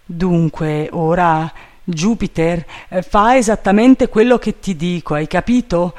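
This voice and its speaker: A man doing an impatient, shouting gentleman. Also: high-pitched, a little slow, pitched above the performer's own voice. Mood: urgent. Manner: urgent, commanding, raised voice. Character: excitable, impatient male gentleman giving orders.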